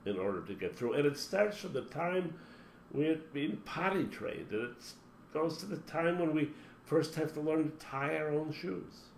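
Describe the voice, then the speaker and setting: A man with a fairly high, creaky, animated voice speaks at moderate speed, motivating listeners as a spiritual teacher with emphatic delivery and extended lists. Echo fills the room, and a faint hum lingers.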